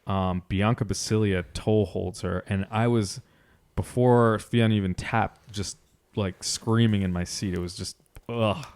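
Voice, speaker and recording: Male sports podcast co-host, low smooth voice, measured and explanatory, casual recap style. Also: steady tone, a little mellow.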